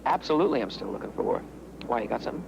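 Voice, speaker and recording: A man's voice: medium pitch, animated, rapid-fire, creaky, noisy background. An actor playing a cocky young male undercover cop in a 1980s TV drama, talking with an easy, wisecracking manner. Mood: joking. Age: young adult. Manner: wisecracking, easygoing. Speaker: undercover cop posing as a college student.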